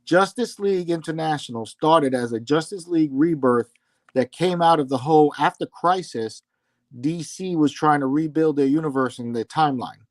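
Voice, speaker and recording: A man's voice: on the high side, moderate pace, no room sound. Opinionated man with a dry close sound. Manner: opinionated, emphatic comic-book fan. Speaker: podcast co-host. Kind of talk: casual chat.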